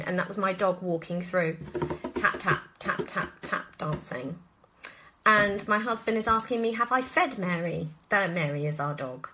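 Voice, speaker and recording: A British woman who works as an actress and voice actor answers viewers' questions in a casual live Q&A at home indoors. Her mid-range voice is bright and forceful, and she rambles and jokes at her own expense as she talks.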